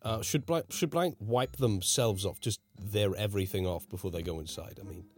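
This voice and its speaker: A man's voice: fairly low pitch, moderate pace, a little mellow, husky. A man playing a tabletop game, joking around. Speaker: player.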